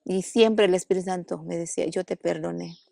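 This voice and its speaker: Woman pastor from the Amazon jungle, very gravelly and low-pitched, for an interview testimony. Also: fairly even intonation, a little fast, warm tone, no room sound. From Amazon jungle region. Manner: storytelling that acts out quoted dialogue. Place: a family house in an Amazon jungle village.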